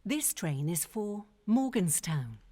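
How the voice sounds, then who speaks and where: A woman voicing a calm automated onboard train announcer, her lines built from recorded words spliced together. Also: medium pitch, takes it slowly, crowd noise. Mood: announcing.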